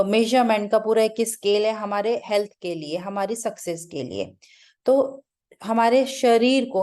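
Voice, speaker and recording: A woman with a medium-pitched, slightly mellow voice gives a spiritual talk as a meditation teacher. Her speech is loose and searching, full of restarts and fillers, and she mixes in English terms.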